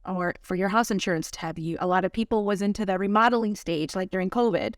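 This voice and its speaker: Female agency owner, mid-pitched, plain-spoken, slightly distant, dry room. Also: quick pace, no room sound. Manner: plain-spoken, a few hesitations. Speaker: insurance agency owner guest. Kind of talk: casual chat.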